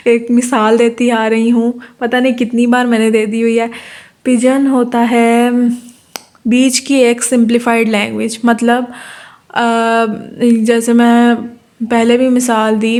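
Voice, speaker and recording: A woman lecturer from Pakistan with a fairly high voice and a flat, even delivery. She reads definitions slowly and explains them patiently, often repeating phrases and checking that listeners follow. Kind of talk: university lecture.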